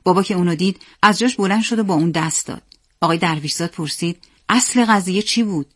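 A woman reading a story aloud as narrator in a steady, plain manner. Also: on the low side, no echo, studio quality.

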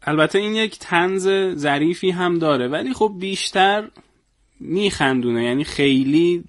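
A man who is a guest poet and humorist, speaking in a measured way and reciting verse with a storyteller's pacing. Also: high voice, expressive, no room sound. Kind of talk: conversational interview with poetry recitation.

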